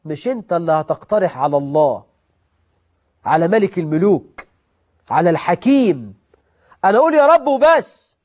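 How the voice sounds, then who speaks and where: Male preacher, Egyptian accent, high-pitched, animated sermon delivery with loud and soft swings. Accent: Egyptian Arabic. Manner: animated, swings between loud emphasis and soft asides, slows for scripture. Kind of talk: sermon on prayer etiquette.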